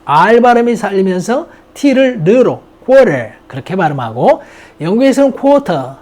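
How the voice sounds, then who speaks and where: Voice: medium pitch, very animated, a little mellow. A grammar teacher giving a vocabulary and grammar lecture, repeating words and asking and answering their own questions. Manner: mixes English words into slow explanations.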